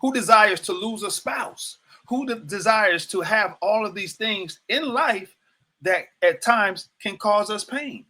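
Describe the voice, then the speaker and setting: A man's voice: sits high, animated, measured pace, pushed and bright. A man in his fifties hosting a livestreamed motivational talk, preaching to viewers, repeating phrases and asking them questions directly. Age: 50s. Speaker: host.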